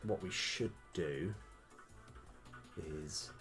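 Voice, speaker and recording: Live-streaming game development, a man thinks aloud over his code, hesitating often with many ums. His deep voice is slightly worn and a bit bright, and he speaks very slowly over soft background music.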